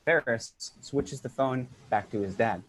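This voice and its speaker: A man reading stage directions in a brisk, matter-of-fact way at an unrehearsed script read-through. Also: mid-range voice, a little hiss or hum, low-quality recording.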